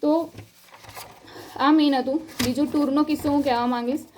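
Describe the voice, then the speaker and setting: A young woman's voice, set a little high yet mellow and soft-edged. She is a college student recounting events in an earnest, upset way. It sounds like a personal statement recorded on her own video. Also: fairly even intonation, normal speed, slight background noise. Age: young adult. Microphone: self-recorded video.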